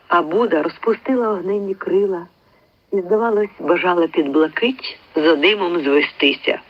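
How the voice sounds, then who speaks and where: A man with a notably high voice reads a literary story aloud in an expressive audiobook style. He tells it with lively storytelling and lifts his voice whenever a character speaks. The recording sounds dull and somewhat lo-fi. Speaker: audiobook reader.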